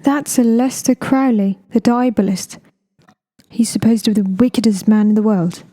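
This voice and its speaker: English woman doing a hushed know-it-all guy friend in an audiobook, slightly higher, dark tone. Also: moderate pace, long reverb tail, lightly acted.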